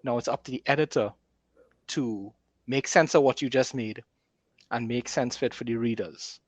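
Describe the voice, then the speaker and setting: In a mid-range voice and at a moderate pace, a male author and host chats casually about writing, explaining with enthusiasm. The recording has no echo.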